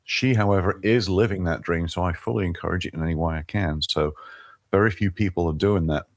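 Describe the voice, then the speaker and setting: An older man with a very deep voice talks as an interview guest. His speech is earnest and eager, full of little restarts. The sound is dry and close. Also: fairly quick, no echo. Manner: enthusiastic, earnest, repeats words when starting. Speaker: podcast guest. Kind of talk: conversational interview.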